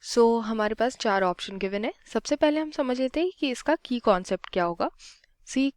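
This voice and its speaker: A woman, slowly working through a physics problem step by step in a mix of Hindi and English. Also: on the high side, lively intonation, dry recording, studio quality. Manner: unhurried, mixes Hindi and English, talks through each step aloud. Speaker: physics tutor. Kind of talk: slow step-by-step problem solving.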